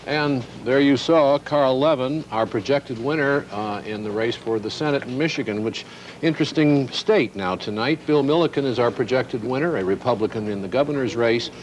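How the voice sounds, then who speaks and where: A man's voice: medium pitch, normal speed, poor audio. An American man anchoring a live television news broadcast. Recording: vintage TV broadcast, faint noise.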